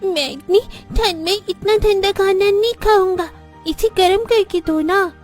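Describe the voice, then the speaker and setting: A man voicing a small hungry boy in an animated cartoon, whining and pleading. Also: very high voice, measured pace, faint music behind, pitched above the performer's own voice. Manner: whiny, pleading.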